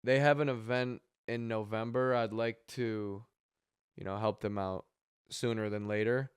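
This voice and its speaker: A man making a heartfelt appeal for a charity he runs, talking haltingly with sighs and pauses, his voice catching with emotion. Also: lowish voice, steady tone, clean tone, no room sound, studio quality. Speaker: charity organizer. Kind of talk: heartfelt direct-to-camera appeal.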